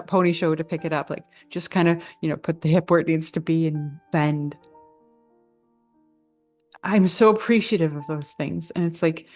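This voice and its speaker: Woman vlogger, low-ish voice, earnest and effusive, casual chat with faint music. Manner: earnest, gushing, many fillers. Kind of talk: casual heartfelt vlog talk.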